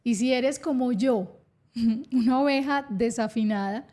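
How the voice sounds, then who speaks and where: Woman, podcast host, enthusiastic explainer, slightly high voice. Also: measured pace. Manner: enthusiastic, lively explaining with laughs.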